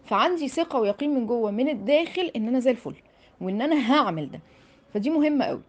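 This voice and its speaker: A woman career coach with an Egyptian accent giving animated, emphatic motivational advice, filling pauses with repeated "aah". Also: a little high, lo-fi sound. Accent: Egyptian Arabic.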